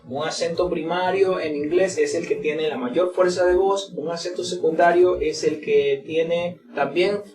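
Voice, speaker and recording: A man explaining English word stress in Spanish, slow and repetitive with many fillers, pausing to model each word. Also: a little high, fairly even intonation, darkish tone. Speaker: English pronunciation teacher. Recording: echoey room, distant mic, crowd noise.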